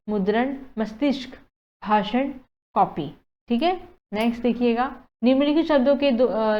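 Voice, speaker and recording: A woman teacher, explaining a lesson in a chatty way, often checking "okay" with students and mixing in English words. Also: on the high side. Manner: chatty, mixes in English words, frequent "theek hai" checks. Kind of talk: casual classroom explanation. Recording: dull lo-fi sound.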